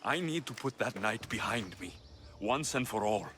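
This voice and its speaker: A man voices a vengeful, battle-weary ancient Greek warrior and grieving son in a dramatic video game, delivering his lines in a grave, intense way with a somber, weary mood. His voice is lowish and fairly bright, with lively intonation at normal speed. Music plays under the dialogue.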